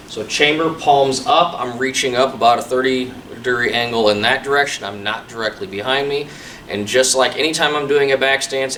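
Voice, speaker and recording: A man teaches taekwondo in an informal, explanatory tutorial style. His voice is bright and firm at a medium pitch. The microphone is some distance away. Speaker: taekwondo instructor. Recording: distant mic, faint room noise.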